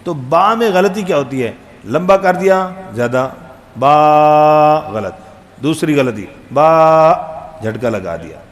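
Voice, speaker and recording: A man teaching a Quran recitation lesson, quizzing the students and calling out letter sounds loud and long. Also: fairly high pitch, big pitch swings. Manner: drills letters aloud, loud and drawn out; asks students questions, jokes. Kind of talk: classroom tajweed lesson.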